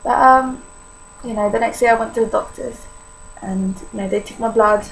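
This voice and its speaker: Speaking fairly evenly at a moderate pace, this eighteen-year-old Polish vlogger makes a candid confession to her camera in accented, informal speech full of fillers. Her voice sits a little high and is strongly gravelly with vocal fry. A faint background hum and poor audio quality mark the recording.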